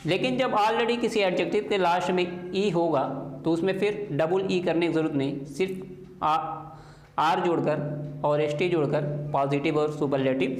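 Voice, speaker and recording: A male teacher walks through a grammar lesson at an unhurried, step-by-step pace. His voice sits a little high for a man, and he spells words out letter by letter. The recording carries a noticeable room echo. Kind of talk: explaining English grammar in a lesson.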